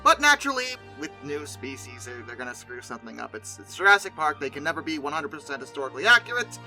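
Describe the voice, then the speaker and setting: A video host with a very bright, forceful, mid-to-high voice and lively pitch swings talks fast about film dinosaurs over background music. The commentary is casual and emphatic, hesitant and rambling, with frequent self-corrections, and the recording quality is low.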